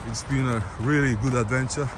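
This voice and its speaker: Brisk and mid-range, with fairly even intonation, a male travel vlogger talks casually as he walks a wintry city street. Traffic noise fills the recording while he addresses viewers and interviews people warmly.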